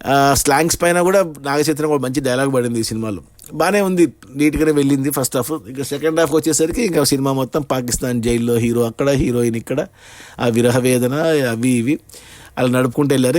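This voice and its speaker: A man's voice: mid-range voice, a little mellow, no room sound. A man giving a casual, rambling spoken film review, with frequent fillers and restarts.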